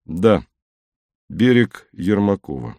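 A man voicing a calm, dutiful young rover driver who speaks matter-of-factly, in a storybook reading. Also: sits low, takes it slowly, no room sound, full character voice. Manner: matter-of-fact, slightly apologetic.

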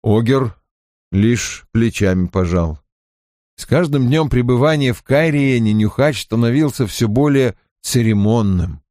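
A male audiobook narrator with a mid-range voice. He reads at an even, measured pace. The recording is dry, with no room sound. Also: medium pitch, no echo. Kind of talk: scripted narration.

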